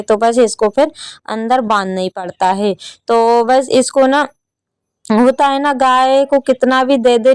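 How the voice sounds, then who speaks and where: A woman's voice: a little high, darkish tone, clear, resonant tone, dry recording. A young woman narrating her daily home and farm chores as a vlogger, chatting casually with her viewers. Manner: chatty, addresses viewers as friends. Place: rural home with farmyard.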